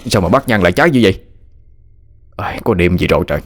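A man's voice: sits low, animated, fast talker. A man voicing frightened villagers. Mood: alarmed.

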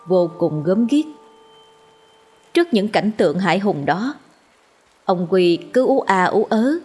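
A woman's voice: fairly low pitch, darkish tone. A woman narrating a ghost story as a storyteller.

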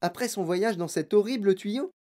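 Narrator voicing a curious polite boy, earnest questions, mellow dark tone, storybook. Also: medium pitch, normal speed, voice pushed up, close to an everyday voice. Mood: wondering. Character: wondering, polite young boy.

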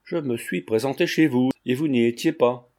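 A man reading the lines of a stern young gentleman who curtly accuses a lady. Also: medium pitch, moderate pace, natural voice. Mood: harsh. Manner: curt and accusing.

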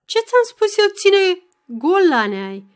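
A woman shouting as a drunk, raging peasant father. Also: a little high, expressive, close to an everyday voice. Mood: threatening. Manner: bellowing, threatening, loud. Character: drunk, furious middle-aged peasant father, bullying.

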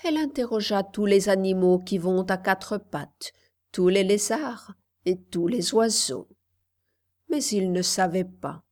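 Woman, audiobook narrator, slow, measured, expressive, mid pitch. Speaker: audiobook reader. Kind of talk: scripted storybook narration.

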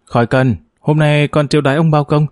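A man voicing a lively, cheerful young village woman with a clear, ringing girlish tone and an eager, affectionate way of talking. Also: fairly high pitch, brisk, dry recording, studio quality, lightly acted.

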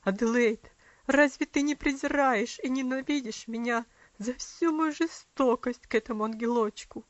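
Woman putting on a hoarse low voice for a heartbroken dad in a storybook, dry muffled audio. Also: moderate pace, no echo, natural voice. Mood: anguished. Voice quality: hoarse, choked. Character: grief-stricken middle-aged father.

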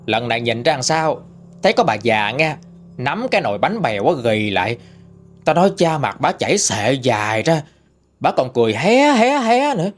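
Lively Southern Vietnamese male storyteller. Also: mid-range voice, moderate pace. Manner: lively, chatty storytelling, dramatic rises. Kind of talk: ghost story narration. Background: faint music.

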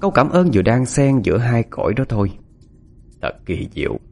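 A man narrating a first-person ghost story in a hushed, suspenseful, expressive way. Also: mid-range voice, brisk, vocal fry, soft background music.

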